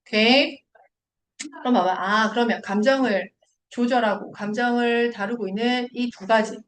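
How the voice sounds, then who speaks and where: A young woman with a fairly high voice teaches a class in an animated way, firing quick questions at her students. The room echoes around her. A faint hum of background noise sits under the lecture. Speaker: English teacher. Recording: roomy echoing classroom.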